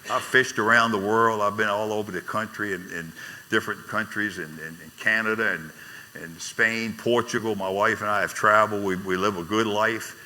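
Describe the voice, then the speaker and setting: A man's voice: fairly low pitch, fairly even intonation, moderate pace, in a large hall, low-quality recording. Earnest older man telling his story. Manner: earnest, emotional, rising to intense outbursts then dropping soft. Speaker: speaker sharing his recovery story. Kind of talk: personal testimony talk.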